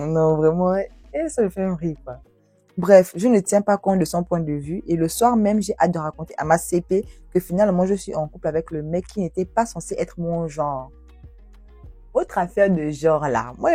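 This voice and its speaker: Expressive woman with a husky, mellow voice. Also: on the low side, dry recording. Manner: expressive, exclaims a lot. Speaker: YouTuber reading viewer stories. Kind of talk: storytelling with commentary.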